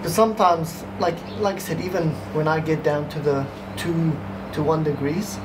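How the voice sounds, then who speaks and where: A man's voice: a little high, steady tone, normal speed. A young man talking casually as a host and coach, recorded outdoors a little way from the camera. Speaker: host coaching a guest through an ice bath. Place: outdoor covered backyard patio. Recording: outdoor background noise, distant mic.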